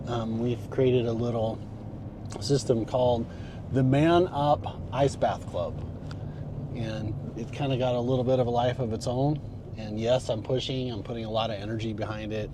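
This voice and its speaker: A man's voice: mid-range voice, steady tone, moderate pace, background noise. A man talking casually and earnestly to viewers as the host of an ice bath club. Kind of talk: casual vlog talk. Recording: music playing behind the voice.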